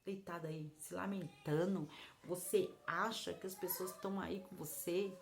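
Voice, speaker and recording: A woman's voice: on the low side, steady tone, moderate pace, vocal fry, a little hiss or hum. A woman voicing the stern voice of God, scolding in urgent, repeated commands.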